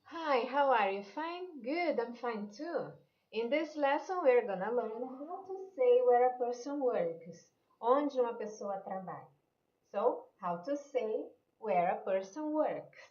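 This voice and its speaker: A woman's voice: fairly high pitch, lively intonation, slow pace, darkish tone, reverberant, dull audio. A woman English teacher with a Brazilian Portuguese accent, patiently explaining an online lesson and checking in with "né?" and "ok?".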